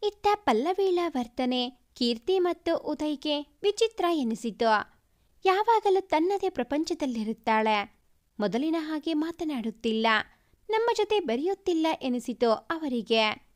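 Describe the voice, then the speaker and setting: High-voiced woman narrating a story. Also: big pitch swings, measured pace, a little mellow. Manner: first-person storytelling.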